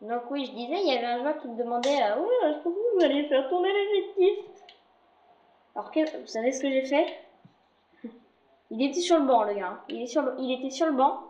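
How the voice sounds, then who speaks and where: A woman's voice: high voice, fast, a little mellow, echoey room, highs cut off. A young woman casually commenting on her football game, chatty and jokey, swearing now and then. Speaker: gaming video creator.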